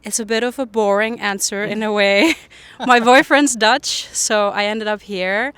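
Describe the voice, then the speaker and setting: A young Finnish woman, native in Finnish, is a podcast guest chatting casually on an outdoor public bench near a harbour. Her medium-pitched voice is a bit bright, with a measured pace and a slight hiss or hum in the audio. She laughs often and uses "like" as a constant filler.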